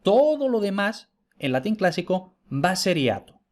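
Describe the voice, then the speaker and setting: A man's voice: high-pitched, big pitch swings, moderate pace. Guy from teaching grammar online, patient and repetitive, keeps checking in with his students. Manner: explanatory, repeats points, checks with "¿vale?". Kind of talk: informal online lecture.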